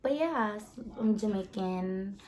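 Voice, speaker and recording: A woman's voice: mid-range voice, animated, slow, darkish tone, a little hiss or hum. Young new woman, 21, rambly casual q and a chat, says like and um a lot. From the Bronx, New York. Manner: chatty, rambling, many "like" and "um" fillers. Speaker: vlogger.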